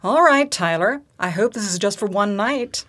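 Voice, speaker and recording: A woman's voice: medium pitch, lively intonation, moderate pace, fairly bright tone. A woman acting a sceptical, reluctant wife in a scripted dialogue, with a pointed, questioning manner.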